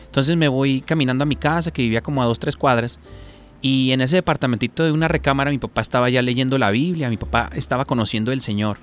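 A man's voice: medium pitch, fast talker, soft background music. A man with a Mexican accent, a talk-show guest giving a personal testimony, rambling with many fillers and restarts.

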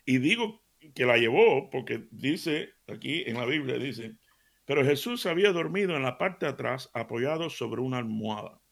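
A middle-aged man preaches a devotional sermon over the radio in a mid-range voice marked by vocal fry. His storytelling is animated, with laughter and dialogue he performs aloud.

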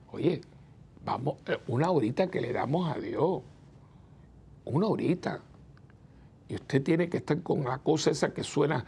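Gravelly-voiced priest talking with his listeners. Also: medium pitch, a little mellow. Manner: chatty, asks the listeners rhetorical "¿no?" questions; acts out the people he quotes. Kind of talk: conversational preaching talk.

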